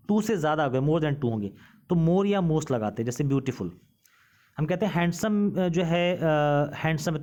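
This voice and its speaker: A male teacher explains English grammar rules in Hindi, reading the English rules slowly and asking his students questions along the way. His voice is on the high side with a dark tone, and the sound is lo-fi.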